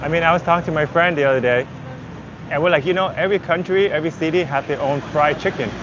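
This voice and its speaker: Quick-paced and a little high in pitch, a man whose first language is Vietnamese rambles in casual English, musing aloud the way a walking travel streamer would. The setting is a busy outdoor street, captured in dull audio where traffic, vehicles and city noise are loud.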